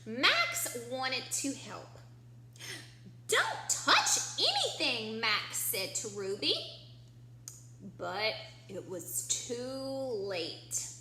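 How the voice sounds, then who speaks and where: Reading extremely slowly, an early-years teacher shares a picture book with young children, offering simple explanations and prompting questions. Her voice is on the high side, sharp, with big pitch swings. The recording has room echo and a faint background hum.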